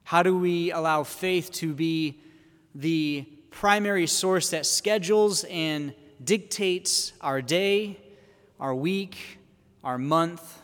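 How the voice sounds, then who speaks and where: A man, a priest, giving a Sunday homily at a pulpit microphone in a church, speaking in a measured way and posing questions to the congregation. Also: a little high. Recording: long church reverb.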